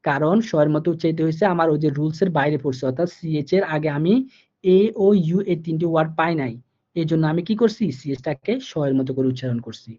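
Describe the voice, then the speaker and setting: A man's voice: a little high, fast talker, dark tone. A man with a Bangladeshi Bengali accent teaching German pronunciation, patiently repeating each rule and checking that his students follow. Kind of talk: online language lesson. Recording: dull, muffled lo-fi recording.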